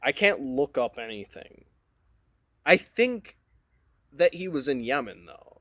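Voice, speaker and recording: Speaking slowly in an animated, mid-range voice that's a bit bright, a Michigan podcast host rambles through a casual phone-recorded monologue. There's no room sound. He swears a lot and keeps dropping "like" and "you know."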